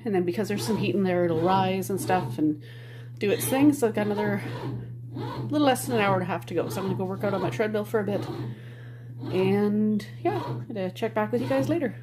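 A middle-aged woman rambles cheerfully about her day, thinking aloud as she works. Her voice reaches a phone set some distance away, so it rings around a hard, very echoey room. Steady household noise runs underneath. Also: medium pitch, brisk. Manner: chatty, thinks aloud while working. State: winded after a workout. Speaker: home vlogger. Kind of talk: casual running commentary. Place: home kitchen and dining room. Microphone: phone camera set across the room. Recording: roomy, distant phone audio with background noise.

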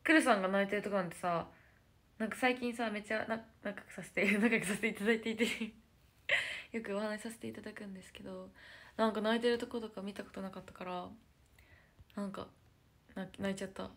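A woman's voice: medium pitch, fairly even intonation, a little fast, a bit bright. Young woman rambling on a phone stream. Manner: rambling, searching for words, drops into whispered asides. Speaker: idol live streamer. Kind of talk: casual live-stream chat.

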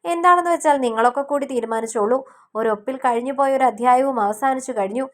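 A woman's voice: high-pitched, fast, close to an everyday voice. Shy young man, read by a woman.

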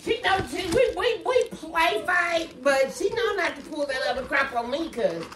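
A woman in casual family chat, animated and laughing as she tells things, recorded by a camera across a busy living room. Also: very high-pitched, moderate pace. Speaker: family member. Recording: roomy, distant, noisy home recording.

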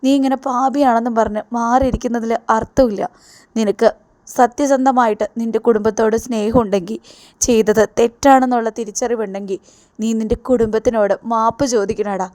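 A woman's voice: on the high side, fairly even intonation, brisk, a little mellow, natural voice. A woman voicing a blunt male friend who scolds his companion. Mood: scolding.

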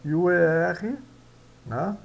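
A man's voice: sits high, slow pace, vocal fry, muffled recording. A man teaching English pronunciation, spelling out sounds letter by letter and repeating each word. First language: Portuguese. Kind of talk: slow pronunciation lesson.

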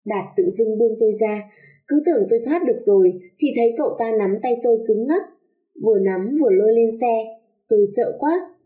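A woman storyteller narrating a love story dramatically, slowing down for tender moments. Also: on the high side, dark tone.

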